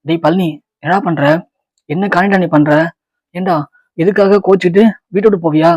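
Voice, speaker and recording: A man's voice: high-pitched, fairly even intonation, moderate pace, a little mellow, no room sound, dull audio. A man voicing a domineering elder brother who scolds and gives orders. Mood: scolding. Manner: scolding, commanding.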